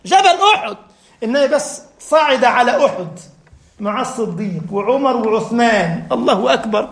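Egyptian male preacher, high voice, fervent delivery swinging hushed to emphatic; echoey room. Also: moderate pace. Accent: Egyptian Arabic. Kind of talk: sermon.

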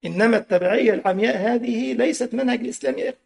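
A man's voice: very high voice, very fast, vocal fry, darkish tone. A man with an Egyptian Arabic accent preaching a sermon, impassioned, full of rhetorical questions and mocking asides.

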